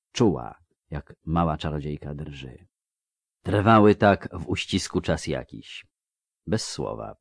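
A man reading a fantasy novel aloud in a measured, dramatic way. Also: low-pitched, darkish tone, dry recording, clean studio sound. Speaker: audiobook narrator. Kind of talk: scripted literary narration.

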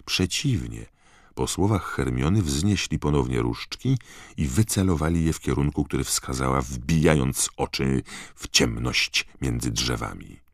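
A man narrating an audiobook in a measured, dramatic reading. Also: extremely low pitch, lively intonation, gravelly, dry recording, clean studio sound. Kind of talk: scripted narration.

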